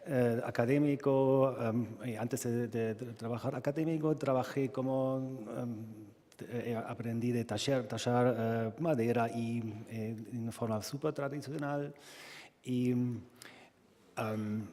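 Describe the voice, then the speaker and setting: A man from Germany with a German accent, presenting as a non-native speaker, haltingly and searching for words. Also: mid-range voice, steady tone, warm tone. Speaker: sculptor presenting own work. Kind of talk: informal conference presentation. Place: reverberant hall at a colloquium. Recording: echoey hall with long reverb.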